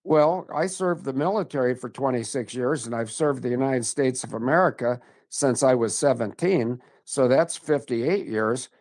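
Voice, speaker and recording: A man's voice: medium pitch, normal speed, few pauses, a little mellow. A man in his seventies, a regular commentator on a talk show, speaking in a blunt, rambling way that drifts from one tangent to the next. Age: 70s. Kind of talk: casual chat.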